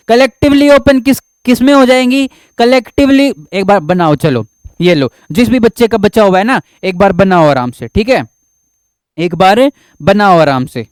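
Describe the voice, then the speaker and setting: A man's voice: fairly high pitch, clear, resonant tone, dry recording. A man teaching a biology lecture at a board, who repeats his own questions, answers them, and keeps reassuring his students.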